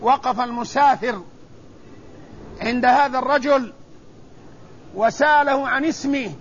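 Male preacher, very high voice, slow and solemn sermon delivery, dull lo-fi recording with faint hiss. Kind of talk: religious sermon.

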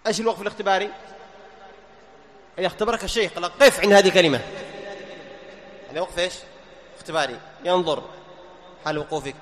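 A man's voice: sits high, a bit bright. A man teaching a lesson on Quran recitation. He quizzes his listeners with short questions, answers them himself and repeats the key terms. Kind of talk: classroom lesson. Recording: long reverb, faint background noise.

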